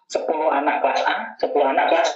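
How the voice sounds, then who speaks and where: A man who teaches kindergarten, a podcast guest telling his story in animated casual chat and laughing easily. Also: fairly high pitch, quick pace, echoey room, dull audio.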